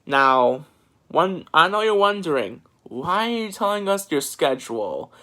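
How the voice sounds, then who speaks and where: A man's voice: fairly high pitch, very animated, unhurried, sharp tone. A teenage boy talking casually to his vlog viewers, rambling and switching accents now and then. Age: teens. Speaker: vlogger. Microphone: phone.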